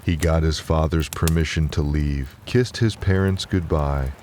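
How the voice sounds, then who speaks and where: A man narrates guided relaxation and bedtime tales in an exceptionally deep voice. His delivery is slow, calm and soothing, never hurried. A faint bed of waves and crackling fire sits behind him.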